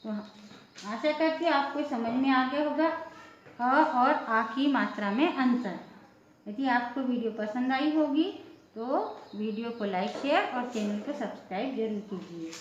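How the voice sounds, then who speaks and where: Slow, high-voiced woman teaching letters. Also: slight background noise. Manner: slow, spells out sounds one by one. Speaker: Hindi teacher. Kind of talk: blackboard lesson for beginners. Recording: echoey room, dull lo-fi sound.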